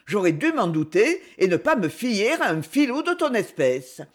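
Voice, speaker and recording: A man's voice: high-pitched, big pitch swings, normal speed. A man voicing a fearful, grumbling old male chiseler, exasperated in a storybook reading.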